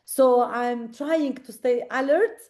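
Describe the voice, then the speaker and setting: This guest on a late-night video call is a tired Lebanese creative director with a Lebanese accent. Her voice is on the high side with a darkish tone, and she speaks slowly, earnestly and reflectively, with lots of fillers.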